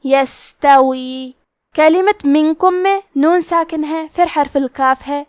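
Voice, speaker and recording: A woman with a high voice teaches the rules of Quran recitation in a calm, explanatory manner. She stops to recite each word slowly, drawing out every sound. The recording is dry, with no room echo. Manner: explains rules plainly, then recites words slowly and drawn out. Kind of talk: tajweed lesson with slow recitation.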